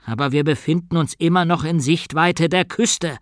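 In an audiobook, a man voices a blunt, impatient young male soldier, pitching above his own voice while still sounding natural. His delivery sits on the high side at a moderate pace, in a dry, studio-quality recording.

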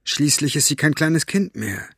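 A man playing a wary, scarred grown man who speaks in a low, hushed, insinuating way. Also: lively intonation, normal speed, creaky, breathy edge, dry recording, clean studio sound, heavily acted.

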